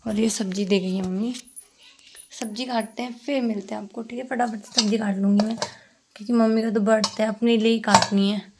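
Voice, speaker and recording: A chatty young woman talks to her viewers like old friends as she cooks at home. Her voice sits in a middle pitch, and it is picked up on a phone camera in her kitchen. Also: a little hiss or hum. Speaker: vlogger. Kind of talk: casual home vlog chat.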